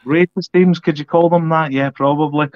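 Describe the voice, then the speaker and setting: A Scottish man who co-hosts a political podcast speaks with a voice on the high side, at a moderate pace with fairly even intonation. In a casual political discussion he talks bluntly and emphatically, repeating points for effect. The audio is dull, dry and lo-fi, with no room sound.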